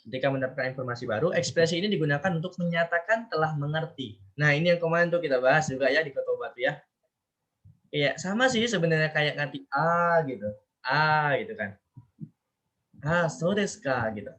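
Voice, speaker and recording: A man teaching a casual online language class, chatty, often drawing out example phrases slowly to show their intonation. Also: a little high, lively intonation, fairly bright tone. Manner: chatty, rambling asides. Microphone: online class call.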